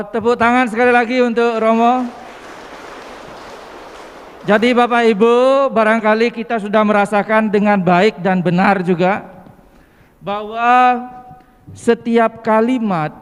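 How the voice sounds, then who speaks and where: A male emcee speaking in a measured way with hesitations as he thanks the priest. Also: high-pitched, clean tone. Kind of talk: event hosting. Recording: echoey hall.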